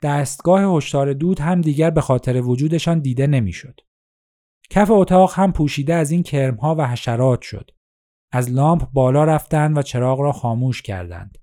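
A man narrating a story in a steady, measured audiobook style. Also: on the high side.

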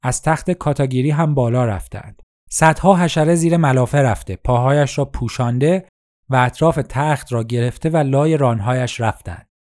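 A man narrating a story in a steady, measured audiobook style. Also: mid-range voice.

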